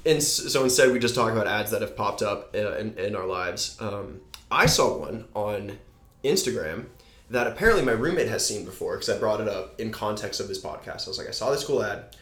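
A man's voice: on the low side, lively intonation, a little fast, fairly bright tone. A slightly drunk man hosting a casual podcast chat in a slangy, loose way. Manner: slangy, sweary. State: a little drunk. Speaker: podcast host. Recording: roomy, echoey space.

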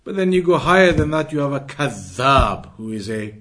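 An expressive, slightly bright mid-range voice at normal speed belongs to a man teaching Islam to a live class. He repeats key phrases earnestly, recites Arabic fluently, and puts questions to the students, waiting for their responses.

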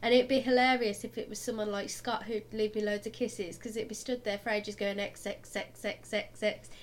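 A woman co-hosting a podcast in casual chat, with a croaky voice from being ill and a giggly, jokey manner. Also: medium pitch, little pitch movement, fairly quick, slight background noise. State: poorly with flu or cold. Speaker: podcast co-host.

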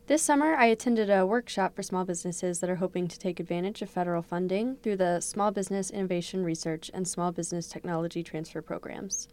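A woman's voice: fairly low pitch, fast talker, few pauses, darkish tone. A woman reporter answering a host's questions in a prepared, informative way. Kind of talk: news interview answers.

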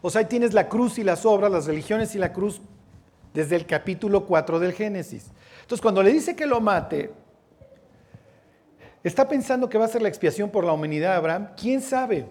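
A Mexican-accented man with a notably high voice gives a Bible teaching sermon. He talks casually, keeps asking whether his listeners are following, and mixes in everyday slang. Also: lively intonation, normal speed, a little mellow, slightly rough. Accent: Mexican Spanish. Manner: conversational, checks in with listeners, slangy asides. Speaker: preacher.

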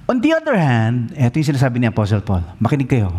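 A Filipino-accented man preaching as a pastor, telling stories in a teasing, animated way and switching into English phrases. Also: medium pitch, fast talker, husky. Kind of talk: humorous sermon.

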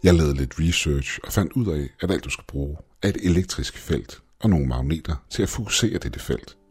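A man voicing an obsessive, excitable young male astronomy student who talks eagerly and urgently. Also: extremely low pitch, slightly rough, soft background music, heavily acted. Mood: proud.

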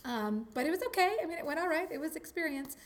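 A woman talking casually in an interview, chatty and animated, with lots of likes and ums. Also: high-pitched, fast talker. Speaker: interviewee, teacher.

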